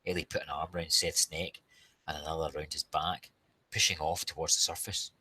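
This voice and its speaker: A Scottish man reads a children's novel aloud in a low, raspy voice. His tone is forceful and tense. He breaks off for chatty asides to his listeners. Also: little pitch movement, normal speed. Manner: chatty asides, playful greetings. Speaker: reader.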